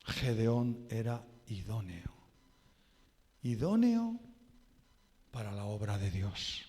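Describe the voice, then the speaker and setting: A male pastor preaching a sermon and leading a prayer in a slow, emphatic, drawn-out way. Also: lively intonation, dark tone. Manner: emphatic, drawn-out preaching with wide pitch swings. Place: church hall. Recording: reverberant church hall.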